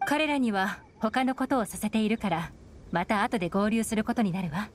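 A woman voicing a shrewd, composed secret agent in an anime game, speaking in a cool, measured, instructing manner. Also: medium pitch, lightly acted. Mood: brisk, composed. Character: composed, shrewd adult woman agent leading a covert mission.

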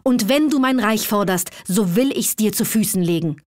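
A woman's voice: lively intonation, moderate pace, darkish tone, dry recording, lightly acted. Woman narrator doing an imperious, hot-tempered old sultan; commanding, dry close mic. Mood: solemn. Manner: commanding, booming outbursts. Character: stern aging male sultan, proud and quick to rage.

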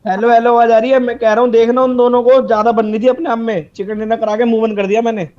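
A man's voice: very high voice, little pitch movement, quick pace, a little mellow, highs cut off, soft background music. A man streaming live, teasing and arguing with other players over game voice chat. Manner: teasing, argumentative.

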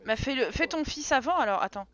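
A woman's voice: high voice, animated, a little fast. A woman streamer giving casual live commentary on a life-simulation game, chatting to her characters and her viewers and getting exasperated with them. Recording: slightly dull stream audio with game music.

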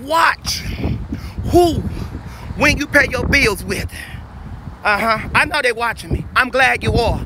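A man preaching in a loud, emphatic, repetitive live-stream monologue while out walking for exercise on a neighborhood street. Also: very high-pitched, normal speed. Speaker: self-styled preacher going live. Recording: street noise with passing traffic.

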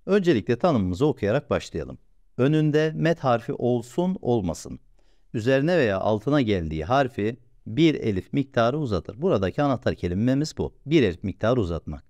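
A man gives a step-by-step reading lesson, patiently stretching out sounds and asking his own questions before answering them. His pitch rises and falls in a lively way. The voice sits close and dry on the mic, with no room around it. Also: dry recording. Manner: patient, repeats sounds slowly and asks himself questions. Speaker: religious reading teacher.

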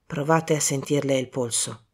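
A woman voicing a calm, grave older male detective in an audiobook reading, speaking slowly and quietly. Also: extremely low pitch, slightly rough, voice pushed down. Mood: grave, measured. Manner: slow, hushed and measured.

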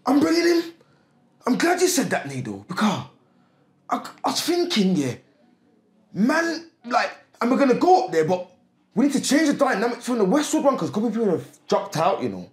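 A man's voice: extremely high pitch, huge pitch swings, brisk. A man telling stories in a casual, slangy way as a podcast guest, often repeating himself. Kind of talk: casual storytelling chat. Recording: roomy echo.

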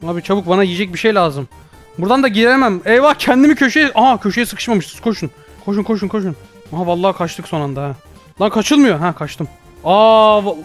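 A young man doing jokey let's play commentary, panicking, yelping for help and joking at the game. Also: high voice. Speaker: gaming YouTuber.

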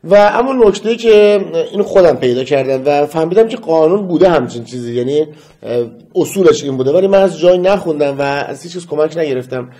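Mellow-voiced man teaching metronome practice. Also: a little high, animated. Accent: Persian. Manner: counts beats aloud, hums melody slowly. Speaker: music teacher. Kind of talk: casual instrument lesson.

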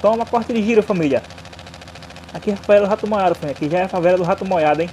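A man's voice: high voice, racing, a little mellow, slight background noise. A young man with a Brazilian accent hosting a motorcycle vlog, talking in a hyped, slangy way and tagging his sentences with little filler words. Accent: Brazilian Portuguese. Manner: hyped, slangy, repeats tag words like "né" and "hein". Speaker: motovlog host. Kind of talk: excited vlog commentary.

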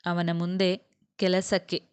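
Smooth-voiced woman reading a serial novel. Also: fairly low pitch, completely flat delivery, slow pace. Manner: reads all characters' dialogue in her own voice with little change. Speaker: storyteller reading her novel aloud. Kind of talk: audiobook narration with dialogue.

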